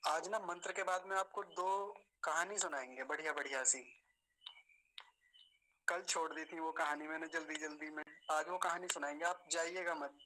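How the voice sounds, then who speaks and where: In this low-quality recording with slight background noise, a mantra pronunciation teacher runs an online class. His voice is bright, forward and on the high side, his tone steady, and he courteously and patiently addresses students with respect while carefully spelling out difficult words one syllable at a time.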